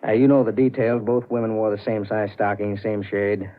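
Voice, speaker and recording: A man playing a brisk, authoritative police inspector in a 1940s radio drama, clipped and businesslike. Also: fairly low pitch, level tone, lightly acted. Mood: urgent, decisive. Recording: narrow, muffled vintage radio recording.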